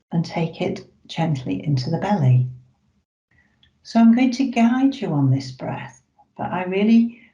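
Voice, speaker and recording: A meditation guide talking listeners through breathing counts in a soft, unhurried, soothing way, sometimes dropping almost to a whisper. The tone is mellow and warm. The recording sounds roomy and a little dull, as if captured in an echoing space. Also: medium pitch. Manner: soft, slow, soothing delivery with drawn-out pauses.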